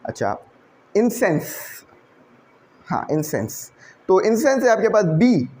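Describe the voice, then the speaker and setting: A man teaching an English vocabulary lesson, who explains each word slowly, checks in with "okay" and puts questions to the class. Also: sits high, very animated, a little mellow.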